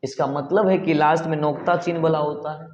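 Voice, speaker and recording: A man teaching pronunciation, repeating each word slowly to drill the sounds. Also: on the high side, steady tone, a little hiss or hum. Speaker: English teacher. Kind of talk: pronunciation lesson. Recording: echoey room, dull lo-fi sound.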